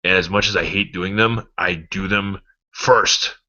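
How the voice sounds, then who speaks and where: Male vlogger, low and bright-toned, rambling animated pep talk on a dull lo-fi recording. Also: a little slow. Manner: rambling, animated, swears freely. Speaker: motivational vlogger. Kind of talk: casual motivational pep talk.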